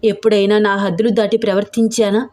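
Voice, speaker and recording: A woman voicing an older, humble house maid who speaks softly. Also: mid-range voice, flat delivery, fairly quick, natural voice. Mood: hurt. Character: older loyal female house maid, hurt.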